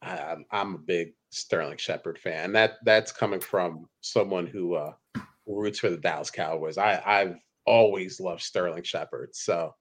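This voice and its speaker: A man hosts a relaxed sports podcast, talking in an easygoing, joking way and chuckling along. His voice sits a little on the low side. He sounds unhurried and conversational. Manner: laid-back, joking, chuckles often. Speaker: podcast host. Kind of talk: casual fantasy football podcast chat.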